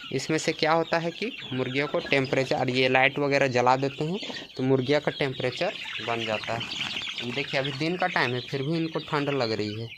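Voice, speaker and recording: A male poultry farmer with a medium-pitched voice leads a casual tour of his farm shed, handing out informal advice and frequently checking in with listeners. He keeps repeating "है ना" and "देखिए," while chickens cluck amid heavy background noise.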